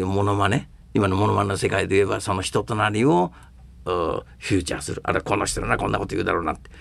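An older man talking casually and at length about comedy and performing arts, rambling and opinionated, with rough colloquial speech. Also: on the low side, no room sound.

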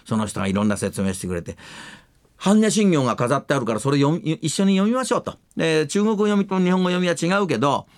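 An older man hosting a radio talk show, telling long rambling stories in rough, casual speech that livens up at the funny parts. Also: fairly high pitch, lively intonation, fast, a little mellow, dry recording, studio quality.

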